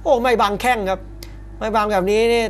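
Soft music plays behind a high-pitched man who briskly calls a Muay Thai bout live, keeping a steady tone through short exclamatory bursts. Arena crowd noise and faint fight ambience fill the broadcast background.

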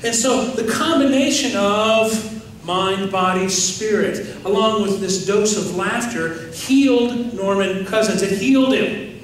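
A middle-aged man preaching a sermon as pastor, animated and questioning his congregation. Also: high-pitched, takes it slowly, a little hiss or hum. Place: large church sanctuary. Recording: very echoey sanctuary, distant mic.

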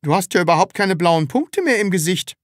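A woman's voice: lowish voice, expressive, fairly quick, no echo, studio quality, voice pushed up, close to an everyday voice. A woman reading a flustered, timid grown man. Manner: earnest and easily flustered. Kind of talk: audiobook character reading.

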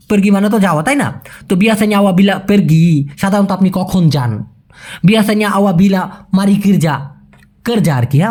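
A man teaching a casual spoken language lesson, emphatic and repetitive, addressing the viewer as brother. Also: high-pitched.

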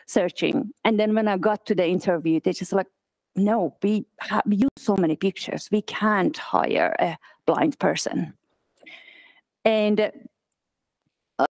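A woman in her thirties who grew up in Iran gives a conference talk at an event, pausing often with fillers and restarting her sentences. Her voice is smooth and clear, with a middle pitch. The sound is dry. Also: a little mellow, no echo. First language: Persian. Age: 30s. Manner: halting, many fillers and restarts. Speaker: accessibility specialist speaker. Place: office event space.

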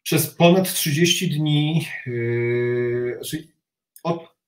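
With a fairly high-pitched voice, a middle-aged reserve army officer speaks as an interview guest from his indoor home study lined with bookshelves. He sits back from the webcam on an echoing, roomy video call, and his halting remarks repeat words and carry blunt criticism.

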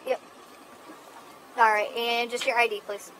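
A woman marine patrol officer questioning a boater at night, brisk and polite, recorded on a body camera on a small boat. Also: a little high, flat delivery, fairly bright tone. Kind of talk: police boat stop on bodycam. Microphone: body-worn camera. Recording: noisy bodycam audio outdoors.

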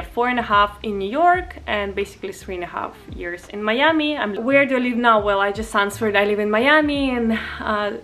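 A woman's voice: medium pitch, bright, forceful tone. A woman in her twenties from Far East Russia with a Russian accent, chatting casually to camera in a bedroom vlog Q&A, with frequent "um"s and "like"s. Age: 20s. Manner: chatty, frequent "um" and "like", light laughs. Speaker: vlogger. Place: bedroom, indoors. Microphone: camera at close range.

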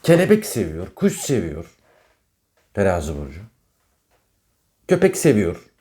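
Unhurried and warm, a low-pitched man with huge pitch swings holds forth casually on zodiac signs as an astrologer. His delivery is emphatic and repetitive, and he scolds whoever is listening directly.

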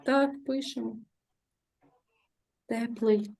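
A woman's voice: a little high, steady tone, drawn-out words, vocal fry, darkish tone. Patient woman teacher quizzing her class. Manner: patient, repeats pupils' answers and asks guiding questions. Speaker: primary school teacher. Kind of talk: classroom grammar lesson. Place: classroom with pupils.

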